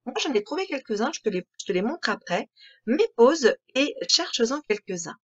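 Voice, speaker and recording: A woman with a French accent, teaching a reading lesson to young children in a slow, clear, patient way that spells out each word. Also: on the high side, very animated, highs cut off. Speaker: primary school teacher.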